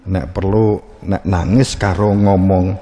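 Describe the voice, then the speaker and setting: A man's voice: deep voice, steady tone, takes it slowly, warm tone, in a large hall. A man with a Javanese accent giving a religious study lecture. He talks without hurry, jokes, and acts out little scenes. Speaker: religious teacher.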